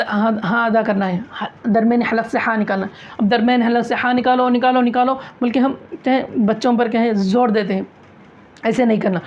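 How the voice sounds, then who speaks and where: A woman teaching a recitation class, asking questions, answering them herself and repeating key phrases. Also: on the high side. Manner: demonstrates sounds aloud, loud and drawn out. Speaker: tajweed teacher. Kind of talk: classroom lesson on Quran recitation. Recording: dull lo-fi classroom recording.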